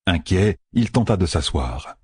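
A male audiobook narrator with a very low, husky and breathy voice. He reads in steady scripted narration. The sound is dry and close, with no room around it. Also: unhurried, no echo.

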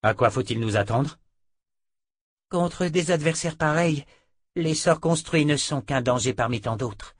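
A man's voice: a little high, unhurried, no room sound, studio quality, voice pushed up. A man voicing a weary, grave sorceress in a fantasy audiobook, lecturing somberly.

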